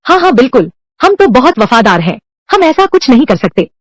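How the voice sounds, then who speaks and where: A woman's voice: high voice, sing-song, fairly quick, dry recording. A woman alone voicing every character of a dubbed drama, men and women alike, in one unchanged reading voice. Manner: reads all male and female parts in one unchanged voice. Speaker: voice-over dubber.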